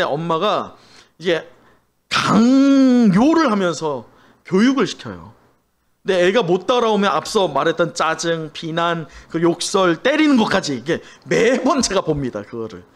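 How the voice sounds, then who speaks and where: A man's voice: high voice, a bit bright. A middle-aged male pastor preaching a sermon, asking the congregation questions as he goes.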